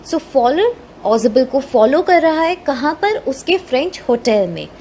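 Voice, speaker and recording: A woman's voice: sits high, very animated, measured pace, mellow, slight background noise. A woman teacher with an Indian accent who reads English story lines and explains them in a mix of Hindi and English.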